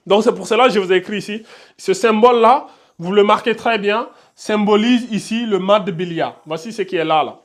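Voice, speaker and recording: A man gives a tajwid lesson in a live online class. He talks in quick bursts and keeps pointing things out over and over. Then he slows right down to chant each example. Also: sits high. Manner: repeats words often, points at symbols on the board. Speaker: tajwid teacher.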